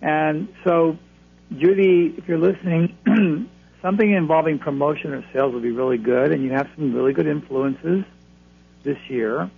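A man with a gravelly voice giving conversational advice to callers as a guest reader on a radio show. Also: on the high side, moderate pace. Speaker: card-reading astrologer, radio guest. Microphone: telephone. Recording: thin phone line, humming noise.

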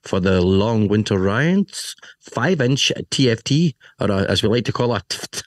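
A man's voice: fairly low pitch, expressive, measured pace, no echo, studio quality. A man with a broad Scottish accent chatting casually and jokily as a show co-host, playful and self-deprecating. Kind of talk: casual jokey bike chat.

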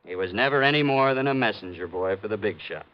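An actor playing a gruff, bossy police sergeant, a brusque old-time beat cop, in a 1950s radio detective drama. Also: male voice, lowish voice, expressive, fast talker, lightly acted. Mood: irritated, lecturing. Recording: dull vintage radio broadcast.

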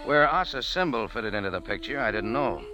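Over background music, a mid-range male voice with lively intonation narrates, lightly acted, as a hard-boiled cafe owner recounting his adventure. It's 1940s radio drama, delivered tough and wry with rapid wisecracks.

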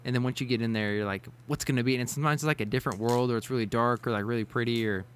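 A man's voice: medium pitch, fairly even intonation, very fast, a little hiss or hum. A man running a casual quiz among friends, rambling with restarts and frequent laughs. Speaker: quiz host. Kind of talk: casual gaming chat.

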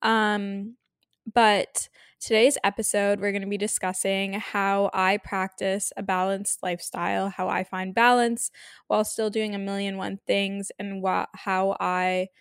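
A woman's voice: medium pitch, little pitch movement, unhurried, smooth, dry recording, clean studio sound. A woman hosting a casual solo podcast from her bed, chatting informally with girly slang. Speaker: podcast host. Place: on a bed indoors.

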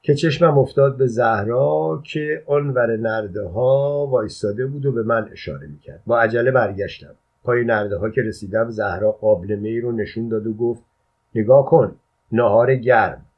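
A man narrating a literary short story as an audiobook, telling it in a plain, measured way. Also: mid-range voice. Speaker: audiobook reader. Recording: dull lo-fi recording.

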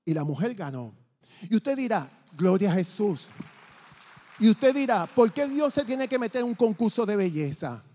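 A man giving a testimony from the pulpit, telling his story in an animated way and acting out the dialogue. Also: sits high, normal speed. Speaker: church testimony speaker. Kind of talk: testimony preaching. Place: church sanctuary. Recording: long church reverb.

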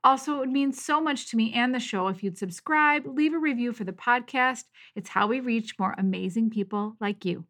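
Upbeat woman podcast host, higher voice. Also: normal speed, few pauses. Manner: warm, encouraging, storytelling with lively quoted voices. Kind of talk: casual solo podcast monologue.

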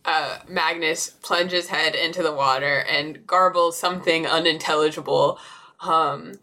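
A woman acting as game master, narrating a tabletop role-playing game in a relaxed, descriptive way with fillers. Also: low voice, unhurried.

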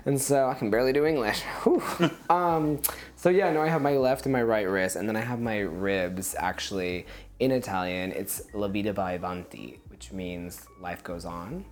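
A man with a standard American accent in casual podcast chat, animated, giggly and self-deprecating. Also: lowish voice, normal speed, slight background noise. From United States. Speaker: podcast guest, actor.

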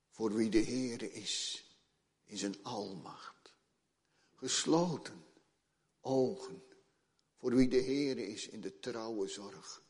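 A pastor preaching a sermon in a church, dramatic and earnest, acting out the people in the story with rising urgency. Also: male voice, lowish voice. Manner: dramatic, retells the story with emotional voices, rises to loud pleading. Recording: long church reverb.

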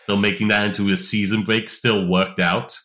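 A man on a podcast talks in loose, rambling bursts, full of fillers. His voice sits a little low but has a bright, forward tone. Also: little pitch movement, moderate pace. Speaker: podcast co-host. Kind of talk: casual chat.

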